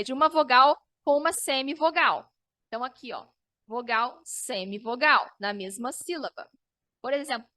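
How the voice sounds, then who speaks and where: Slow, bright-voiced woman teacher. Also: high-pitched, dry recording. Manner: slow, explanatory, checks in with "tá?". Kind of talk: online class review lesson.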